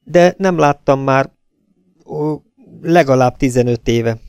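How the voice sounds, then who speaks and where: A man voicing a nervous, smooth-talking young husband who protests his innocence. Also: medium pitch, darkish tone, dry recording, clean studio sound, pitched above the performer's own voice, lightly acted. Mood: guarded. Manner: flustered, protesting.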